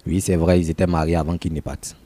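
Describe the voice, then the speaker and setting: An actor playing a talk-show guest who calmly justifies taking his friend's wife and turns combative when challenged. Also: low voice, fast. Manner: calm justifying, then combative.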